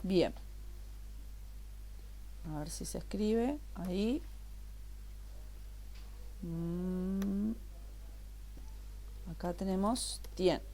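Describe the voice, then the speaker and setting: A woman's voice: fairly low pitch, extremely slow, pauses often, mellow, a little hiss or hum. A woman teaching a recorded online language class, explaining patiently and repeating each word step by step.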